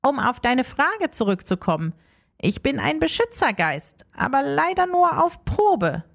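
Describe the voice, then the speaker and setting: A woman's voice: sits high, big pitch swings, measured pace, creaky, voice pushed up, exaggerated voice. Woman voicing a small friendly ghost. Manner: earnest, a little anxious.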